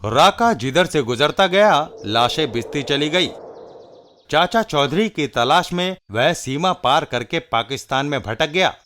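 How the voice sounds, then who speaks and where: A man's voice: a little high, animated, a little slow, a bit bright, a little hiss or hum. A man narrating a comic-book story in a dramatic, scripted style.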